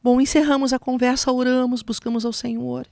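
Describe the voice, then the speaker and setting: Woman telling her testimony, kinda high and gravelly, gets preachy, dry sound. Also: flat delivery, brisk, dry recording. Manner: emotional, drops to soft whispers when recounting quotes; preaching tone on spiritual points. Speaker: guest giving testimony. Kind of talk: personal testimony storytelling.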